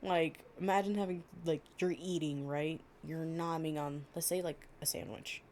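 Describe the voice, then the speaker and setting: In a gentle storytime roleplay, a woman with a deep, steady, darkish voice reads fables at a moderate pace and drifts into casual, playful chat. A little background noise is audible.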